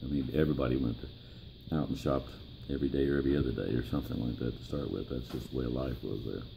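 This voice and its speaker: Very deep, gravelly old American man. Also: fairly even intonation, dark tone, a little hiss or hum. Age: 70s or older. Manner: plain-spoken, halting, pausing mid-phrase. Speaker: interviewee, grandfather. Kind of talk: reminiscing in an interview.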